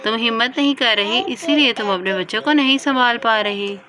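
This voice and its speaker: A woman voicing a confident mother doll of five who lectures her friend briskly. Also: on the high side, close to an everyday voice. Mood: lecturing.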